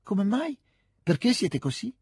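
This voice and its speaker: An exuberant young noblewoman, put on by a male reader in a spoken-word novel reading, her lines leaping up high in eager, breathless exclamations. The voice stays very husky under the lift, and the recording is close and dry. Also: sing-song, measured pace, a little mellow, dry recording, full character voice. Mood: delighted.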